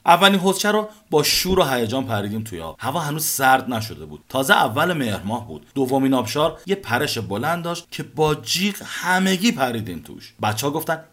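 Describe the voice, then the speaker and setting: A man hosting a podcast, telling a first-person story in an expressive, vivid narrating manner. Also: medium pitch, few pauses. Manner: expressive, recounting events vividly.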